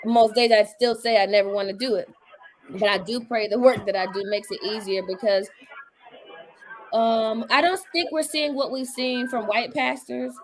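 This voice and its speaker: A woman's voice: medium pitch, rough recording. A woman hosting an online gathering, talking casually and emphatically with joking asides. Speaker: host. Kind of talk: casual talk to a live online audience.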